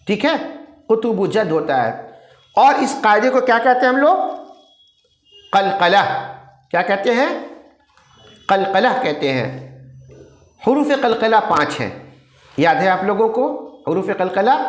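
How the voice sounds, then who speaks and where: A man's voice: sits high, echoey room. A man teaching Quran recitation, saying sounds one by one and asking his students questions. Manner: repeats words slowly, asks students questions. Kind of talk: online recitation lesson.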